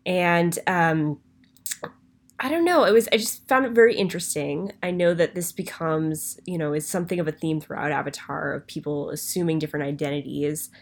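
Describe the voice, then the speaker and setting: Voicemail caller: woman with a low voice, over a phone line, thoughtful and rambling, lots of ums. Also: normal speed. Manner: thoughtful, musing, with frequent ums and trailing phrases. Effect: heard over a phone line as a voicemail. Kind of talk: recorded listener voicemail.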